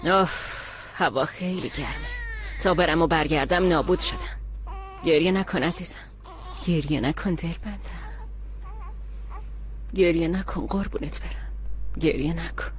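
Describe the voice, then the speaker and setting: A woman's voice: on the low side, long pauses, lightly acted. An actress playing an exhausted poor mother who soothes her children with tender words in a dubbed television drama. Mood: soothing. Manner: weary and tender.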